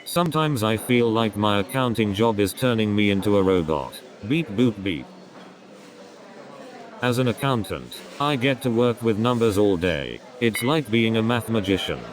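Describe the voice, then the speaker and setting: A man doing a stand-up comedy routine, delivering deadpan one-liners one after another. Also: fairly low pitch, normal speed, few pauses. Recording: crowd laughter in background. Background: audience laughter.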